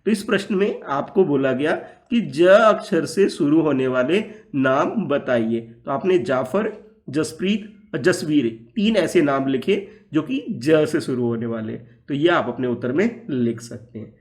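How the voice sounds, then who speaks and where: A man teaching a class of small children, his voice sitting a little high for a man. He talks patiently and slowly, repeating each word and asking questions back. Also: big pitch swings. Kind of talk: classroom lesson for young children.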